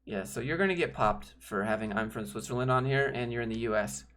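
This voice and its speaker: A man's voice: medium pitch, brisk, a bit bright. A young man hosting a casual livestream, reviewing resumes in a blunt, laid-back way. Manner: blunt, laid-back, says "dude" a lot.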